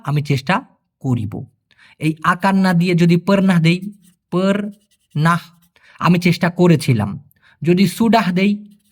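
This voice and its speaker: A man teaching a spoken language lesson, repeating each phrase slowly and then translating it word by word. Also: fairly high pitch. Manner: lively, sing-song delivery.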